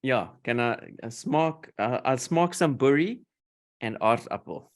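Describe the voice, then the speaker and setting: A man's voice: mid-range voice, lively intonation, a little slow. A man with a South African English accent hosting a casual interview, playfully teaching slang. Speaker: host.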